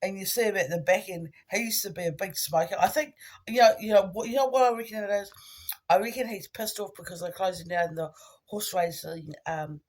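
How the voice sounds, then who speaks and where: A woman, trying out informal stand-up comedy in a halting, giggly, conversational way. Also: medium pitch, steady tone. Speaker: amateur comedian. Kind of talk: informal stand-up attempt for social media, casual rambling.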